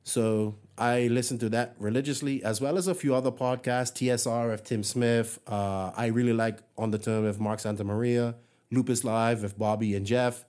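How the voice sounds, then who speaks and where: A man's voice: medium pitch, steady tone, moderate pace, darkish tone. A man from Bermuda hosting a hobby podcast, talking in a rambling, friendly way with many fillers and restarts. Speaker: podcast host. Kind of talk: casual solo podcast monologue.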